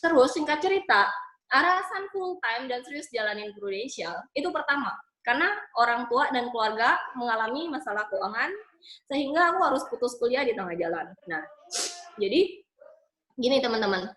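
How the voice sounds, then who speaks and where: A woman in her twenties from Bangka tells her own story in a high voice. She speaks with emotion and often stops on fillers. The room around her has a noticeable echo. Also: lively intonation, a bit bright. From Bangka, Indonesia. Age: 20s. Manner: emotional, halting with many fillers. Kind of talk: personal testimony talk.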